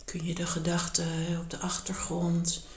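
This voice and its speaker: Calm woman yoga teacher, soft half-whispered guidance, lowish voice, echoey room. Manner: slow, calm and soothing, often half-whispered. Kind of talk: guided meditation and yoga instruction.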